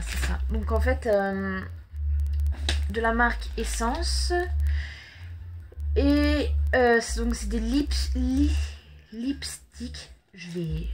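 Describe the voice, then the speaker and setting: A woman's voice: on the high side, slight background noise. A French woman chatting casually through a makeup haul at home, hesitant, with many fillers and apologetic restarts. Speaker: beauty vlogger.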